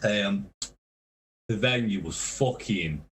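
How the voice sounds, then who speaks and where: This podcast guest, a touring metal musician, spins meandering road tales packed with profanity and laughter. He talks slowly, his voice on the low side yet fairly bright in tone.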